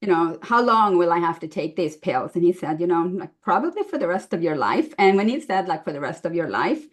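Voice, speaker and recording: A woman's voice: on the low side, big pitch swings, fairly quick. A woman in her fifties from Sweden, telling her story casually as a podcast guest, with frequent laughs. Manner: chatty, laughs often, many fillers. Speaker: guest nutritionist.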